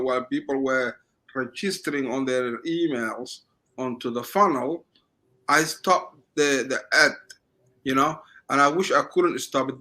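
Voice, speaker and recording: A middle-aged man with a Somali accent, talking casually as an interview guest. His voice is bright and forward, at a middling pitch. He speaks haltingly, often restarting his phrases.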